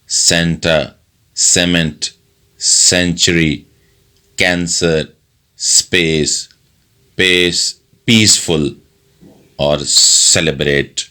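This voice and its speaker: Low-voiced man teaching phonics. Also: pushed and bright. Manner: slow, deliberate spelling-out of words. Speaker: English teacher. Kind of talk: phonics lesson.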